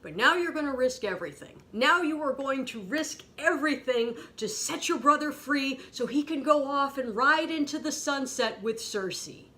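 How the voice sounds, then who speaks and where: A woman ranting angrily and sarcastically, swearing freely, her voice jumping up high when she gets outraged. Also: lively intonation, normal speed, hardly any pauses, sharp tone. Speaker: podcast host ranting about a TV episode. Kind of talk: angry profane rant.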